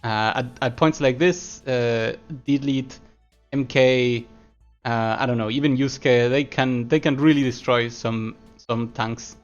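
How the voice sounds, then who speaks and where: An Argentine esports caster whose first language is Spanish commentates a live match at a middle pitch, a little slowly and with fairly even intonation. He's chatty and laughs often, shifting from analysis to answering chat messages. The stream audio is slightly muffled, with soft music underneath.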